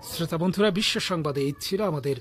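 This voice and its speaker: A man reading the radio news in a measured, formal delivery. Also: fairly high pitch, a bit bright, a little hiss or hum. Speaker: news reader.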